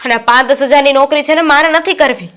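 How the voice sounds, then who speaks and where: Young daughter, reproachful and determined, played by a woman; high voice. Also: fast talker, a bit bright. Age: young adult. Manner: reproachful, firm. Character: student daughter, resentful and determined. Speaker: daughter studying to be a pilot. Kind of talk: Gujarati short-film acting.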